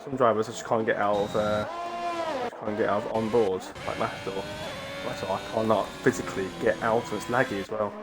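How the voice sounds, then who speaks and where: Over loud music, a race commentator with a cough and sore throat from a cold rambles chattily through live coverage of an online racing league, often cutting himself off mid-thought. His voice is on the low side, very animated and a little fast.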